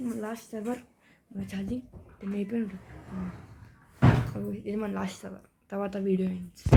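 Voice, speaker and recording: A woman hosting a gaming channel, giving casual gameplay commentary in soft, mostly whispered speech on a tablet mic. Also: mid-range voice, creaky, noisy background.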